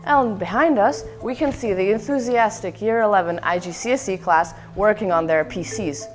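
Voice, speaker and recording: A woman's voice: medium pitch, moderate pace, soft background music. A teenage girl from the Czech Republic, a student guiding a school tour in a chatty, lightly humorous way. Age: teens.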